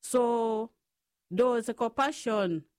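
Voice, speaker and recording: Slow-speaking Congolese-born woman. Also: a little high, a little mellow, smooth, no echo, clean studio sound. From Democratic Republic of the Congo. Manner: slow, careful storytelling. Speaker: guest, Franciscan sister. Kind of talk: radio interview.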